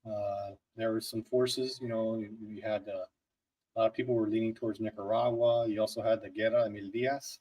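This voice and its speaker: A man's voice: lowish voice, level tone, a little fast, warm tone. A man co-hosting a casual livestream podcast, telling history in a rambling, joking way. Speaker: podcast co-host.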